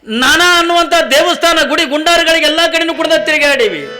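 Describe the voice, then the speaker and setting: A woman's voice: high-pitched, animated, moderate pace, over music. A man voicing a poor, childless village wife who pleads and grieves in a tearful voice. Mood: pleading. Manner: tearful pleading, repeating her plea.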